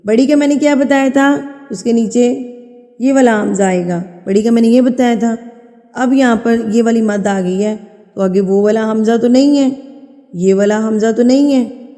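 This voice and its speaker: A woman teaching tajweed, explaining each rule patiently and repeating key terms, then reciting slowly with long drawn-out sounds. Her voice sits a little high and mellow. A long reverb trails behind every phrase. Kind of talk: tajweed lesson with slow recitation.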